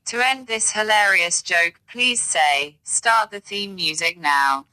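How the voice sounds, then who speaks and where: A woman voicing a fed-up AI voice assistant in a comedy sketch, with stilted, formal, deadpan automated announcements. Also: mid-range voice, slow pace, poor audio. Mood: stiffly polite. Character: fed-up, insulting female AI voice assistant.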